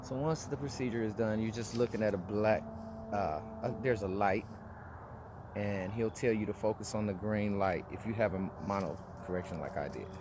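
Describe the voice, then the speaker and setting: Rambling man in his forties, low-pitched. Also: moderate pace, background noise. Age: 40s. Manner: rambling, with frequent restarts and fillers. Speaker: vlogger. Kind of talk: casual personal review.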